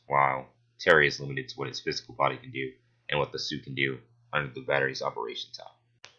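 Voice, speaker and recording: A man with an extremely low voice that still has a forceful, bright edge. He delivers analytical commentary point by point, matter-of-fact with casual asides. The close-miked recording sounds a little dull and lo-fi. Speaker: video essayist debunking a versus match-up.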